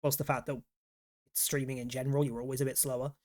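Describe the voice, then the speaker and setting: A man's voice: medium pitch, flat delivery, quick pace, a little mellow. A man streaming a game, rambling casually and swearing freely as he chats. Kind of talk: casual gameplay commentary.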